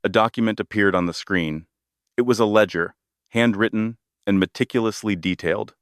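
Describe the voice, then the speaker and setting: A man narrating a scripted drama story in an even, steady storytelling manner. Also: on the low side, moderate pace, no echo, studio quality.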